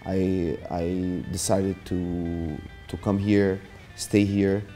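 In a martial arts gym with gentle music in the background, a deep-voiced man from Brazil, a jiu-jitsu instructor in his forties, is interviewed for a documentary. His tone stays mellow and largely even, but he pauses often and fills gaps with filler sounds.

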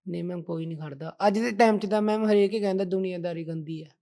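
A man's voice: high-pitched, fast, dark tone. A young man being interviewed about the poems he writes. He talks earnestly and addresses the interviewer as ma'am in almost every phrase. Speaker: interview guest, poetry writer. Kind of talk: casual interview talk.

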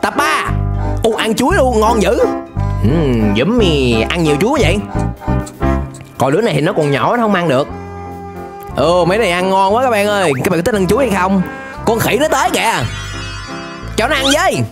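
A woman hosting a cartoon reaction video, her pitch swinging widely as she exclaims and calls out to her viewers. She sits at an ordinary middle pitch for a woman. Upbeat music from the clip plays clearly beneath her talk. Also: fairly quick, long pauses. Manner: lively, exclaiming, addresses viewers often. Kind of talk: casual commentary on animation.

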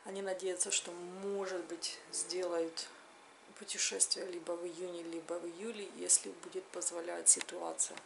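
With a lowish, flat delivery and vocal fry at a normal speed, the mom vlogger in her thirties chats to camera, retelling ordinary exchanges. She's in her home kitchen, later another indoor room, recorded on a distant camera mic in a noisy room.

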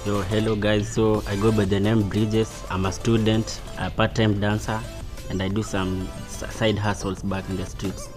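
Man, 20s, Kenyan accent, laid-back, flat delivery, music clearly behind. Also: fairly low pitch, normal speed. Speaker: dating show contestant.

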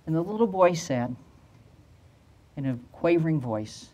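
An older woman pastor preaching a storytelling sermon outdoors at a lectern into a handheld mic, slowing down to stress key phrases. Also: low-pitched, animated, warm tone. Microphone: handheld microphone.

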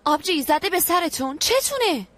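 A woman's voice: very high voice, very animated, a bit bright, no room sound, faint music behind, full character voice. A woman dubbing an outspoken younger sister who teases her older sisters. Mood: teasing. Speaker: dubbing actor. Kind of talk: Persian dub of a TV drama.

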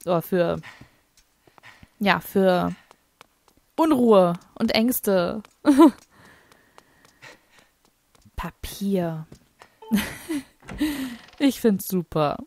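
A woman's voice: medium pitch, expressive, very slow, vocal fry, long pauses, a little mellow. A woman casually commenting on her own gameplay. She thinks aloud, laughs a lot and makes wry, teasing remarks. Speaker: let's play host.

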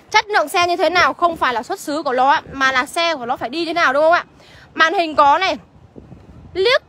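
A woman's voice: very high-pitched, bright, forceful tone. A woman with a Northern Vietnamese accent livestreaming from a used car lot, chattily rattling off car features and prices. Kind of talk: livestream sales pitch.

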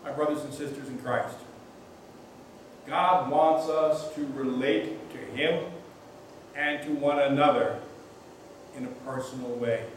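An older man preaching a sermon as a pastor, in a measured, deliberate way. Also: mid-range voice, steady tone, a little hiss or hum. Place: church sanctuary. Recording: echoey church from a distance.

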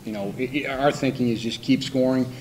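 A man's voice: mid-range voice, fairly even intonation, a little fast, darkish tone, slight background noise, low-quality recording. An older man coaching college baseball, answering at a postgame press conference in a candid, rambling way with dry humor. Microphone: table microphone.

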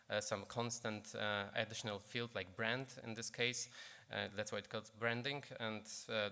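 A man in his thirties giving a technical lightning talk on stage, halting and hesitant as he searches for words. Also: fairly low pitch, pushed and bright, clean tone. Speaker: conference speaker, programmer. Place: conference stage in a hall.

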